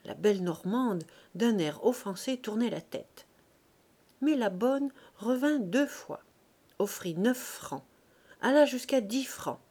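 A woman reading a classic novel aloud as an audiobook, in a measured, expressive way. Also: on the high side, breathy edge. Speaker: audiobook reader.

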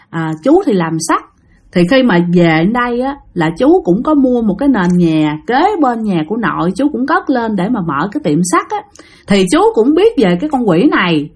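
A woman's voice: fairly high pitch, slightly rough. A woman with a Southern Vietnamese accent telling a ghost story in a chatty way, talking straight to her listeners. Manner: chatty, addressing listeners directly, acting out voices.

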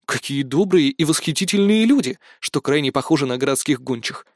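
A man narrating an audiobook in a lively, ironic storytelling manner. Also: fairly high pitch, fairly quick, no echo, clean studio sound. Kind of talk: audiobook reading.

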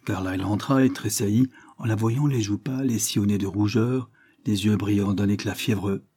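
A man reads a classic novel aloud in a low, husky voice. His warm, mellow tone carries measured, expressive narration. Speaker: audiobook narrator.

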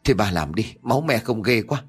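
A man's voice: lively intonation, brisk, breathy edge, soft background music. A man voicing a frightened, lazy young man who cries out in panic. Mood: scared. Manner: panicky, shrill.

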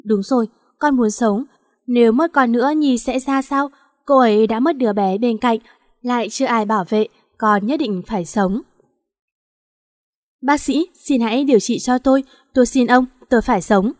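A woman voicing a gravely ill young husband who talks with sorrow and pleads. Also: fairly high pitch, normal speed, a little mellow, studio quality, natural voice. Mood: desperate. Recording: long hall reverb.

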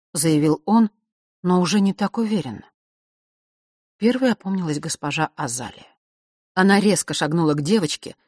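A woman narrating an audiobook in a steady, expressive reading voice. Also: low voice, no room sound, clean studio sound.

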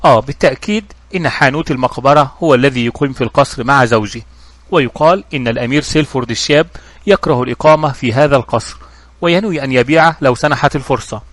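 A genteel middle-aged mother from a storybook, calm and composed as she explains, read by a man. The delivery is quick and the sound is dry. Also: mid-range voice, dry recording, lightly acted.

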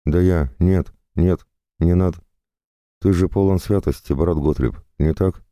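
A man's voice: low voice, measured pace, dark tone, dry recording, studio quality, voice pushed up. A man voicing a young captive woman accused of witchcraft, pleading and wheedling in a storybook reading. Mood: coaxing.

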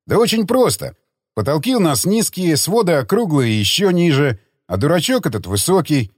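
A man's voice: on the high side, big pitch swings, normal speed, no room sound, studio quality. A man doing a smug, mocking tough guy. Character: tough scheming adult man, sly and mocking.

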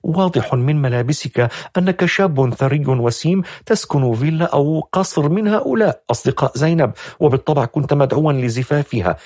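A stammering, tearful young woman, sharp and pleading, as a male storyteller puts her on. The voice sits far above his own, with a very husky, breathy edge. The recording is bone dry. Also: medium pitch, no echo, pitched above the performer's own voice, lightly acted.

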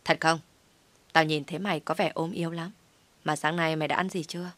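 A woman's voice: low-pitched, steady tone, a little fast, fairly bright tone, no echo. Woman reading a fretful young office buddy. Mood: worried. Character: young man, worried loyal office friend.

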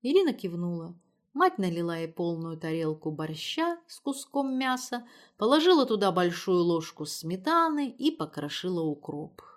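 A woman reading an audiobook in an even storytelling manner. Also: fairly low pitch, moderate pace. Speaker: audiobook narrator. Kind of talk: scripted narration.

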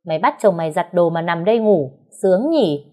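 A woman voicing a bullying sister-in-law who barks in a loud, spiteful voice. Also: on the low side, expressive, fairly quick, natural voice. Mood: hostile.

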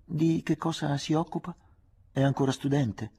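A man with a husky voice reading the part of an aging father, kindly, fretful and confiding. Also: on the high side, steady tone, moderate pace, dark tone, soft background music, voice pushed up. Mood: curious. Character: aging father, anxious, gentle, talkative.

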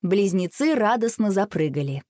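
Lively woman reading a children's story. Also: mid-range voice, normal speed, no room sound, studio quality. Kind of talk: children's audiobook narration.

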